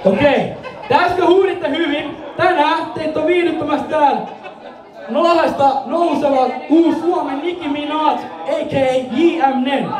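Very high-voiced man hyping a crowd. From Finland. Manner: loud, crowd-pumping call-and-response, swearing. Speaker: hype man and vlog host at a gig. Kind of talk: shouted crowd hyping at a live show. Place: indoor gig venue with a crowd. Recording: echoey venue, far from mic, loud crowd. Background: crowd noise.

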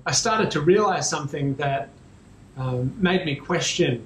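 A man in his thirties with an Australian accent, talking casually to camera about cycling, relaxed and chatty with frequent ums, in a small garage with bikes. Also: on the high side, a little slow, a little hiss or hum. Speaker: cycling vlogger. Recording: echoey small room, faint ambience.

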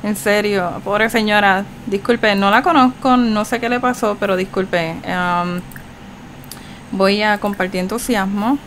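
Woman, gaming host, chatty running commentary with lively reactions, mid-range voice, faint hiss behind. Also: mid-range voice, measured pace. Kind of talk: casual gameplay commentary.

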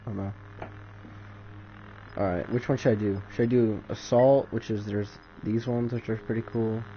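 A man giving casual gameplay commentary, excitable and giggly, often exclaiming at the screen. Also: fairly low pitch, normal speed, slight background noise. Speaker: gamer streaming gameplay. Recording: dull lo-fi mic with game music.

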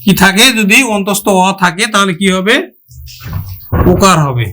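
A man's voice: high voice, normal speed, bright, forceful tone. A man teaching a grammar lesson for exam preparation, asking his students rhetorical questions and sounding out words syllable by syllable.

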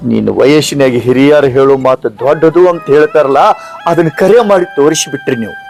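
A man's voice: a little high, a little mellow, close to an everyday voice. A man playing a commanding village landlord. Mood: remorseful. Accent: North Karnataka Kannada. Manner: commanding, scolding. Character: rich proud village landlord, later remorseful. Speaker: lead actor. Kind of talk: village skit acting.

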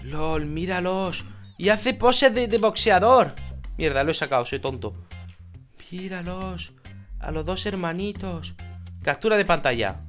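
Excitable high-voiced Spanish gamer. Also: male voice, a little slow, faint music behind. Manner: excitable, shouts in bursts of joy, chatty with viewers. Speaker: gaming YouTuber. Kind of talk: casual Minecraft let's play commentary.

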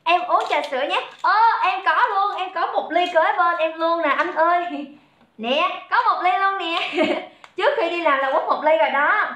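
Bright high-voiced saleswoman. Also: moderate pace, echoey room. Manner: chatty, calls out viewers by name. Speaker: livestream seller. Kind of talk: live-stream sales chat.

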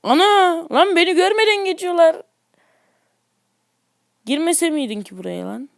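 Male gaming YouTuber, high voice, dry close sound; loose, excitable play-by-play with grumbling asides. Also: normal speed, gravelly, dry recording. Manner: excitable, grumbling at the game, chatty asides to viewers. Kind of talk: casual mobile gameplay commentary.

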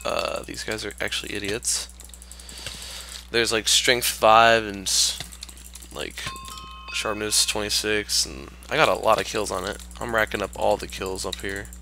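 Bright-voiced man, slightly sick, gaming commentary. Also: lowish voice, normal speed, a little hiss or hum. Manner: rambling, talks to himself while playing. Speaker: gaming channel host. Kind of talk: casual gameplay commentary.

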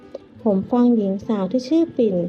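A woman narrating a story in a gentle, chatty way, telling it in the first person as an old man, in a dull lo-fi recording. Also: a little fast. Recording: dull lo-fi with music.

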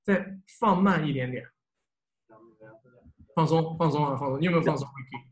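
Man, teacher, fairly high voice, patient corrective coaching, repeats words to model them. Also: normal speed. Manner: mixes Mandarin and English, corrects pronunciation by repeated modeling; patient, repeats phrases, relaxed reassuring tone. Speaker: English speaking test teacher. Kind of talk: live speaking-class coaching.

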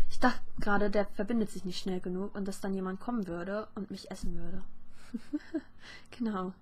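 Young woman rambling excitedly over a game, slightly high voice, faint hiss behind. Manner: excitable, chatty, talks to viewers and opponents. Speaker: gaming YouTuber. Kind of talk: casual let's play commentary.

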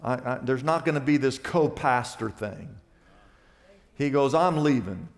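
A pastor telling a story in a sermon, animated and rising to loud excited peaks. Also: male voice, medium pitch, measured pace. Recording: long reverb of a large hall.

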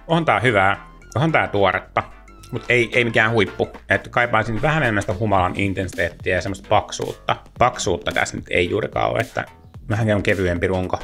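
A man's voice: fairly low pitch, a bit bright. A man giving a casual, chatty beer-tasting review, thinking aloud between sips.

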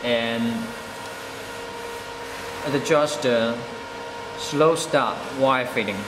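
A man explaining the settings of a welding machine in a measured, step-by-step voice-over, stressing key words. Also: mid-range voice, steady tone, reverberant, in a large hall, background noise. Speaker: product demonstrator. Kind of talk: product demonstration voice-over.

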